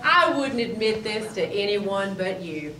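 A woman's voice: mid-range voice, a little slow, slight background noise. A woman playing a chatty, confiding city woman in an amateur church play. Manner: lively, confiding, amused. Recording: roomy hall, mic far off.

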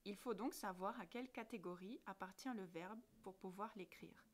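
A woman's voice: mid-range voice, moderate pace. A woman teacher narrating a scripted grammar lesson, articulating each word carefully and spelling out letters one by one. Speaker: French language teacher.

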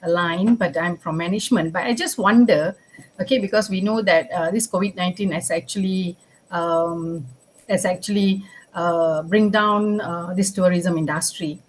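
A woman's voice: fairly low pitch, normal speed, slight background noise, rough recording. A woman asking a question at an online conference, courteous and hesitant with many fillers. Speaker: audience member asking a question. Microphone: video call webcam.

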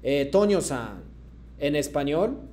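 A man teaching a Japanese class over a video call, patiently modeling each phrase slowly for students to repeat. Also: a little high, big pitch swings, darkish tone, a little hiss or hum. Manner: patient, slow careful modeling of phrases for repetition. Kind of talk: online language lesson.

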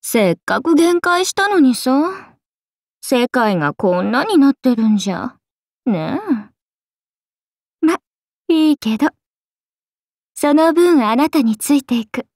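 A woman voices a playful, teasing serpent-oni goddess in Japanese mobile game lines, with breezy big-sister airs and a drawling, sake-loving manner. Heavily acted and very animated, her darkish voice moves slowly with frequent pauses, relaxed and musing, sometimes dropping into low murmurs. The studio sound is clean with no echo.

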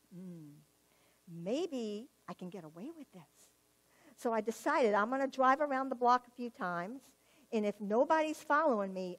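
A woman giving a personal testimony in church, telling her story vividly and acting out the dialogue. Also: on the high side. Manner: animated storyteller, acts out quoted dialogue, laughs at herself.

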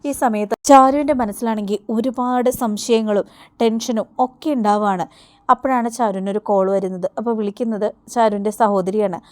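A woman's voice: mid-range voice, fairly even intonation, a little fast, darkish tone, dry recording. A woman casually retelling a television serial, chatting directly to her listeners. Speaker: serial recap narrator. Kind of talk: casual storytelling recap.

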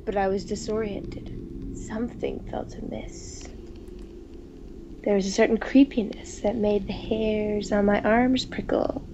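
With a warm, steady, medium-pitched voice at a measured pace, this playful gaming video host reads visual novel narration aloud, mixing in casual chat and occasionally tripping over lines. A noisy home mic leaves the sound muffled.

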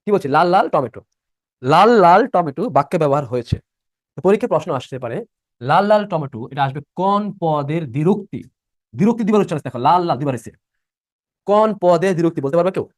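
A young male teacher runs a live online class, restating each rule and firing questions at his students. His voice sits a bit high and swings widely in pitch as he rushes along. The sound is dry and close. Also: animated, no echo. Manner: repeats points and quizzes students by asking questions. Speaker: admission-prep teacher.

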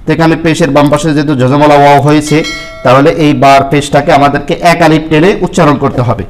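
Man slowly teaching Arabic letter sounds. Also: fairly high pitch, steady tone, slight background noise, low-quality recording. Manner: repeats syllables slowly for the listener. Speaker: Quran reading teacher. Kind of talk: step-by-step lesson with spoken examples.

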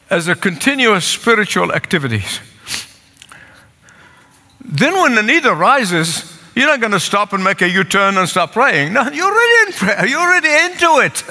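In a large church sanctuary full of congregants, an older pastor with an Egyptian accent preaches, his high, bright voice carried by long hall reverb. He pleads earnestly and repeats phrases for emphasis.

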